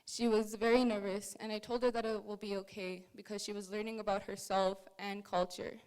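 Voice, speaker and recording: A young woman from Canada speaks in a smooth, clear voice of middle pitch. She reads her prepared story in an earnest, measured and heartfelt way, as a speaker at a museum talk. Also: level tone, darkish tone, low-quality recording. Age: young adult. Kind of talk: reading a prepared personal story.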